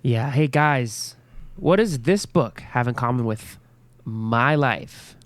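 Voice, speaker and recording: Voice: mid-range voice, expressive, slow. A podcast co-host chatting casually and making wry, dry jokes.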